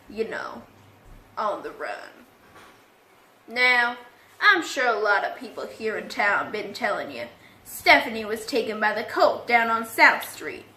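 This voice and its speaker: A woman's voice: a little high, bright, forceful tone, exaggerated voice. A woman voicing a paranoid older man who believes in conspiracies and is hiding from the world, in a folksy, secretive, ominous manner. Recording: echoey room.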